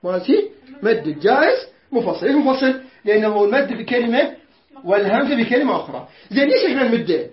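High-voiced man teaching recitation, echoey room. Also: sing-song, fast talker. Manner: explains patiently, asks his students rhetorical questions. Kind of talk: tajweed lesson with recited verses. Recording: echoey room, dull lo-fi sound.

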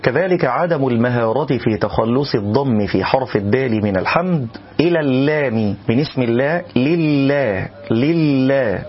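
A man giving a measured spoken lesson, breaking into slow, drawn-out chanted examples as a recitation teacher. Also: medium pitch, lively intonation, muffled recording.

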